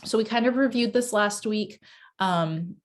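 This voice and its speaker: A woman instructor speaking over a video call, with a middle-range voice and a relaxed, conversational delivery. She fills her sentences with small hesitations and restarts as she goes over course details. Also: medium pitch, a little slow. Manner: casual, many fillers and restarts. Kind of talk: online class session.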